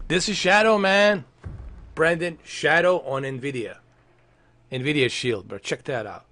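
A forceful, bright, slightly high voice moving a little slowly belongs to a streamer in his thirties. Playing from home, he jokes, curses and teases his chat, speaking into a large foam headset mic.

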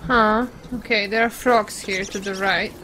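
A woman's voice: mid-range voice, fairly even intonation, unhurried, sharp tone. A woman co-playing a survival game, chatting casually, giggling and steering the way. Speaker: co-player. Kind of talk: casual gaming chat. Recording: noisy background.

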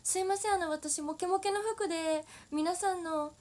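A woman voicing a loud, overly apologetic young woman idol, shouting formal apologies in a much higher voice than her own. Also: steady tone, brisk.

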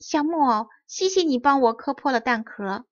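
A woman's voice: sits high, expressive, moderate pace, lo-fi sound, voice pushed up. A woman voicing a cheeky, fluffy newborn chick in a chirpy, sing-song voice.

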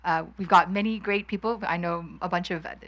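A woman from Hong Kong, in her thirties, speaks candidly and laughs easily as a guest on stage. Her voice sits a little low yet sounds bright and forward. She holds a handheld mic at an outdoor courtyard event. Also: fairly even intonation. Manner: candid, quick laughs, chatty. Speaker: guest investor. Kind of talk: fireside chat on stage.

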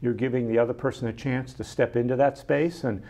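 A middle-aged man appears as a guest on a studio interview show, speaking into a lapel mic with a mid-range, mellow voice at a brisk but steady clip. He chats enthusiastically about his science center, gesturing a lot and filling his talk with ums and restarts.

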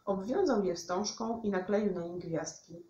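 A woman teacher reading a bedtime storybook aloud in an expressive, lively way. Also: medium pitch, a little slow, a little hiss or hum. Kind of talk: storybook narration. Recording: echoey room, dull lo-fi sound.

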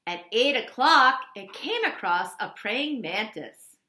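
A woman putting on a cheerful, excited guest-reader voice for children, high and loud. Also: takes it slowly, exaggerated voice. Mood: storytelling. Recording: echoey room.

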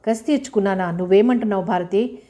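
A woman's voice: medium pitch, fast talker, warm tone, close to an everyday voice. Woman reading a remorseful lame young man.

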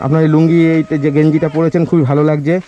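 A man's voice: fairly high pitch, flat delivery, very fast, warm tone, muffled recording. A young man interviewing villagers outdoors, coaxing and repeating his questions. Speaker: charity vlogger host. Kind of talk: casual on-location interviewing.

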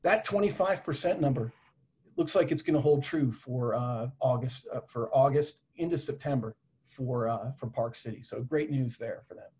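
A man's voice: mid-range voice, moderate pace, a little mellow, breathy edge. A man in his thirties presenting travel data on a webinar video call from a home office, casual and full of fillers and restarts.

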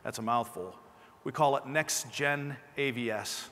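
A middle-aged man with a slight lisp presents a keynote on a large indoor conference stage, speaking unhurriedly in a medium-pitched, fairly bright voice. He's a company presenter using a clip-on lapel mic, and the amplified hall adds long reverb.

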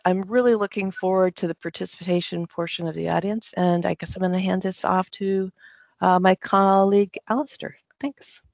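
A man speaking as a panelist on a video call, presenting opening remarks in a measured way with frequent fillers. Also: sits high, creaky, no room sound. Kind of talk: conference talk on a video call.

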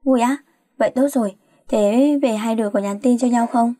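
A woman's voice: on the high side, normal speed, warm tone, no room sound, clean studio sound, natural voice. A woman voicing a middle-aged mother who nags and scolds her grown daughter. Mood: nagging. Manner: nagging, scolding. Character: nagging middle-aged mother, fussy and worried.

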